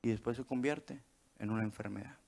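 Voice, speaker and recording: A man's voice: mid-range voice, brisk, gravelly, darkish tone. A man preaching a sermon as pastor, tossing out rhetorical questions and checking in with the congregation as he goes.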